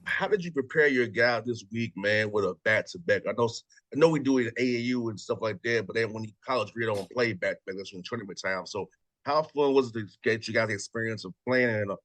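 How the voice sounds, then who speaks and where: A man's voice: fairly low pitch, quick pace, fairly bright tone, dry recording. A man hosting a show, interviewing casually and saying "man" and "bro" a lot. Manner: casual, friendly, says "man" and "bro" often. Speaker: show host. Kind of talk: radio interview.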